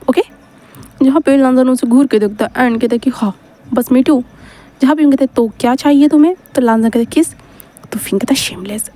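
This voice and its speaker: Mellow-voiced woman retelling a fan story. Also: on the high side. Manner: mixes Hindi with English words. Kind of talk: casual story narration with quoted dialogue.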